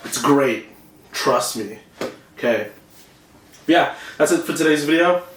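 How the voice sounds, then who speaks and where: A man's voice: fairly high pitch, expressive, takes it slowly, a bit bright, a little hiss or hum. Rambling young man teaching scriptwriting. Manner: rambling, full of fillers and "right?"; apologetic asides, trails off to a mutter. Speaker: copywriter teaching script writing. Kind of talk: casual screen-share tutorial.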